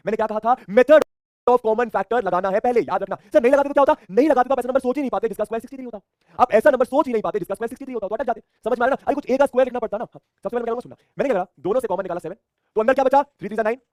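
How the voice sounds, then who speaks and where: A man's voice: very high-pitched, rapid-fire, darkish tone, dry recording, studio quality. A man teaching a math lesson online with energy, often repeating himself and answering his own questions in a student's voice.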